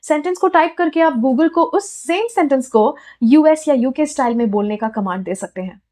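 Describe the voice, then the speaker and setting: A young woman teaching an accent lesson, speaking deliberately and demonstrating each sound slowly. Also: high-pitched, lively intonation, darkish tone. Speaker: accent coach. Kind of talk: Hindi-English accent lesson.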